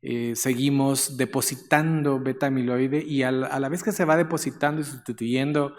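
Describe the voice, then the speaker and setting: A man from Guatemala gives a medical lecture in a relaxed, conversational way, often pausing on "eh" fillers and slipping in light jokes. His voice sits at an ordinary middle pitch. The sound carries a long reverb from a large hall. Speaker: guest lecturer, neurologist. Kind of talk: conference lecture.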